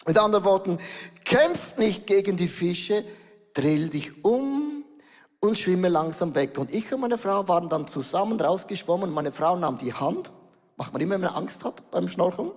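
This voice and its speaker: Man, Swiss German accent, pastor preaching, fairly high voice, long hall reverb. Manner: animated, shifts between slow emphatic words and rapid bursts. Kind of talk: sermon. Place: large church hall.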